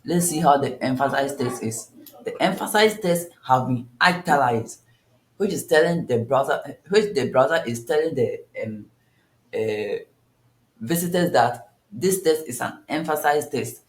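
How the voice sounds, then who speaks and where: A male coding instructor teaches a tutorial step by step in an echoey room, thinking aloud and often restarting his sentences. His voice is mid-range, with lively intonation and a measured pace.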